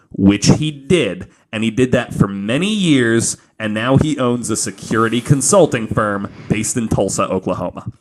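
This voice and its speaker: A man with a mid-range voice hosts a podcast, casually telling a true crime story from notes in a joking, informal style with some swearing. The recording quality is low.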